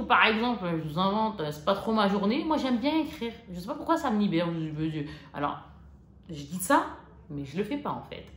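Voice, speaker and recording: A woman vlogger chatting casually to camera about her shopping haul, excitable and joking. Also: medium pitch. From France. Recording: echoey room with faint noise.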